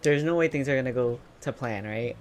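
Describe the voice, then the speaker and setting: A man's voice: mid-range voice, brisk, a little hiss or hum. A man who is a campy, dramatic drag queen, giving casual reaction commentary as a host.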